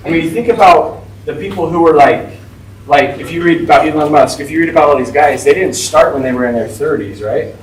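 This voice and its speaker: A man's voice: fairly high pitch, brisk, far from the mic, slight background noise. A man of about forty, giving a casual, informal talk to a class as a guest speaker, with lots of "like" and "right?". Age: 40s. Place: school classroom. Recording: echoey room, voice from off-mic.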